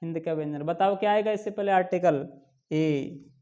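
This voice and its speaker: A man with a warm, mellow voice teaches a grammar lesson. He asks his students questions and answers them himself, stretching out each example word slowly and stressing the key points. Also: a little high, highs cut off. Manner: drawn-out slow pronunciation of examples. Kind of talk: classroom lesson explaining English grammar.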